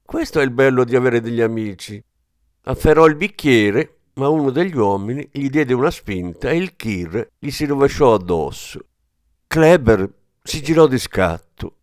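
A man's voice: mid-range voice, darkish tone, no room sound. Man narrating a story, dry close sound. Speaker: audiobook narrator. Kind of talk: scripted narration.

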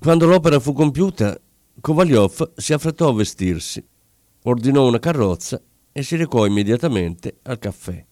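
A male audiobook narrator reads with lively, wide-ranging intonation and dramatic pauses. His voice sits at a middle pitch and sounds dry and close to the mic. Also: no echo. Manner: expressive, dramatic storytelling with pauses. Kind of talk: scripted narration.

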